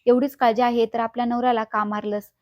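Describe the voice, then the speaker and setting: A woman's voice: a little high, flat delivery, quick pace, a little mellow, dry recording, clean studio sound, lightly acted. A woman voicing a harsh, scornful older mother-in-law in a spoken story, scolding and dismissive.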